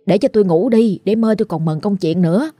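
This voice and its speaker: Brief: gruff fed-up village man, blunt and quick, as a woman narrator reads him. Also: medium pitch, mellow, dry recording, close to an everyday voice. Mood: irritated. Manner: blunt, irritated muttering. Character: gruff, fed-up middle-aged male villager.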